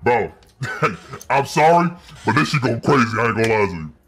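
A man talking through a voice changer that lowers his voice, in laid-back, slangy video chat. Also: big pitch swings, moderate pace, a bit bright, breathy edge, heavily acted.

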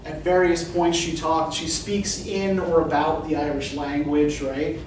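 The middle-aged literature professor here has a fairly high voice, a flat delivery, and an unhurried pace. He lectures conversationally, checking in with "right?" and asking students questions, while a camera at the back of the whiteboard classroom records from a distance, echoey and noisy.

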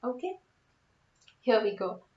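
A woman's voice: on the high side, sing-song, takes it slowly. Young female yoga teacher for step-by-step instruction; methodical delivery, slightly dull recording in a reverberant room. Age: young adult. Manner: methodical, explanatory, repeats key cautions. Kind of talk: spoken instructional demonstration. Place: indoor room at home, seated on floor.

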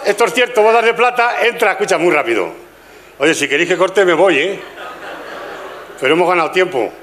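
A man's voice: sits high, a bit bright. An older man from Spain with a Spanish accent, doing a chatty stand-up comedy routine at a gala and teasing the audience. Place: live stage with audience.

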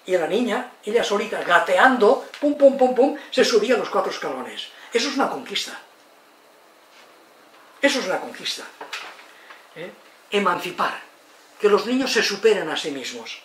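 An older man in his eighties from Spain, giving a lecture in an expressive way, often asking "eh?" and acting out the people he quotes. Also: sits high, moderate pace, long pauses. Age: 80s. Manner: expressive, tag questions, acts out quotes. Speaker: lecturer on psychology and education. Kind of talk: lively lecture talk. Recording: roomy, distant mic, faint noise.

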